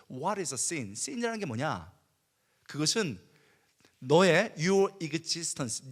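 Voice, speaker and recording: Male pastor preaching in a church, animated storyteller, fairly high voice, lots of swing in pitch. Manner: storytelling, acting out his past self with lively outbursts. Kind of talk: sermon. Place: church worship hall.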